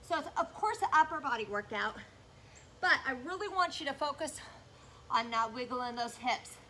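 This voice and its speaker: A woman's voice: high voice, expressive, moderate pace, bright, forceful tone, slight background noise. A woman leading a workout as a fitness instructor, energetically calling out cues and counts.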